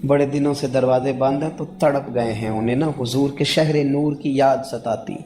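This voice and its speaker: A man preaching a sermon in a heartfelt, pleading way, with quick bursts. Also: medium pitch, fairly even intonation.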